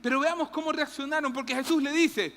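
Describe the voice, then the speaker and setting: A woman preaching a lively sermon in a church, acting out Bible characters. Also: sits high, fairly quick, big-room sound. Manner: animated, acts out Bible characters' lines, jokes with the audience. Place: church hall.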